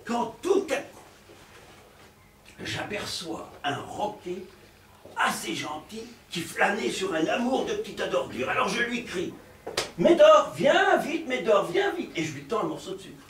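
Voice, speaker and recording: A man's voice: sits high, unhurried, slight background noise. A man playing a bumbling, lecherous provincial professor. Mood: comic. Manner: theatrical, excitable, chuckling asides to the audience. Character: bumbling middle-aged male provincial professor, lecherous and fussy. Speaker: stage actor. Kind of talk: live stage comedy performance. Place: theater stage. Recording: roomy stage sound from a distant mic.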